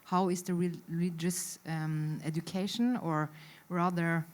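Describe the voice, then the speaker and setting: A woman's voice: lowish voice, fairly even intonation, measured pace, darkish tone. A woman moderating a panel discussion, searching for words as she frames the questions.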